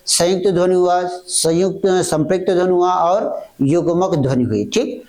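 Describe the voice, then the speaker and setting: A man gives an exam-prep grammar lecture, posing questions and answering them himself while repeating each point several times. His delivery is slow and halting, restating fragments, in a high, warm voice.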